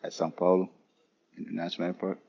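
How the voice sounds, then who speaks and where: A man live-streaming a relaxed walkthrough of an airport lounge, chatting casually to viewers as he points things out. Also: deep voice, vocal fry, lo-fi sound. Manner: casual, unhurried, talking to chat viewers. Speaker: travel vlogger.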